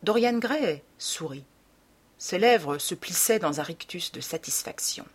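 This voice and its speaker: An audiobook narrator reading a classic novel in a slow, measured way. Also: mid-range voice, animated, slightly rough.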